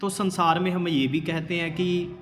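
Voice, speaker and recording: A man preaching a sermon as pastor, speaking deliberately and asking rhetorical questions to his congregation. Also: high voice, steady tone, fairly bright tone, in a large hall, slight background noise.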